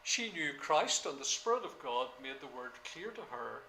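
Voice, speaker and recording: Male lecturer, older, bright voice, echoey room, hesitant then emphatic. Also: a little high, sing-song, a little hiss or hum. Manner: halting with many fillers, then emphatic. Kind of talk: classroom lecture.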